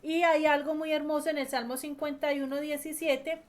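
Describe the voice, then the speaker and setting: High-voiced woman preaching earnestly. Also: flat delivery. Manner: earnest, slows and stresses key phrases, trails off softly at ends. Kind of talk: sermon.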